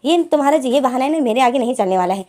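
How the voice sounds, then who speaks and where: A woman's voice: sits high, animated, rapid-fire, a little mellow. A woman voicing a stern mother who scolds and threatens her son in a told fanfiction story. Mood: angry scolding.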